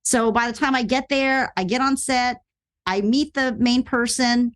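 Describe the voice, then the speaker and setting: This actress, middle-aged and a guest on a podcast, speaks at a measured pace while recounting an anecdote in a casual interview. When she quotes people, her pitch suddenly jumps as she acts the lines out.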